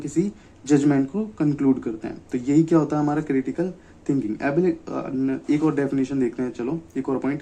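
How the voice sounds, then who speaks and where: A young man giving an exam-prep lecture, often asking himself questions and checking "okay?", reading English definitions slowly. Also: medium pitch, warm tone. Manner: repeats "ठीक है" and rhetorical questions. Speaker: teacher.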